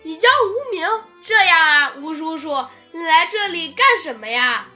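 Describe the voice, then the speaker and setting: A timid little crybaby dinosaur boy, as a woman puts him on for a storybook reading, very high and childlike, with a bright, ringing tone. Soft music plays faintly behind. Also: expressive, normal speed, full character voice. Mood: sad, curious. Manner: tearful, pleading, childlike. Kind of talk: picture-book read-aloud.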